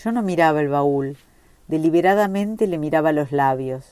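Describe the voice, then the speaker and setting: A woman reading a short story aloud in a measured, reflective way. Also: low-pitched, dark tone, clean tone, no room sound. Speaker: reader.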